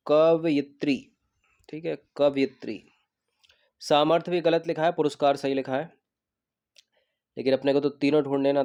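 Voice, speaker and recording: A man teaching an exam prep lesson on Hindi spelling, going through test questions one by one and repeating each right word slowly for his students. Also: a little high, mellow, clean tone, lo-fi sound. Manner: checks in with students and asks them questions.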